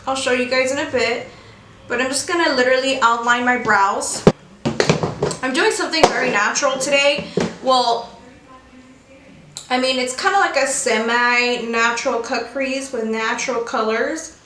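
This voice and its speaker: A woman's voice: high voice, moderate pace, long pauses. A young American woman giving a casual, chatty makeup tutorial with informal, slangy talk while chewing gum. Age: young adult. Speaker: beauty vlogger. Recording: roomy echo, faint background noise.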